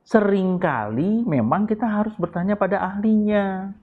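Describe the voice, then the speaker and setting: A man's voice: high-pitched, moderate pace. Male psychiatrist guest, chatty, plays out example conversations, muffled lo-fi audio. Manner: acts out little dialogues in raised voices. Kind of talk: casual explanatory talk.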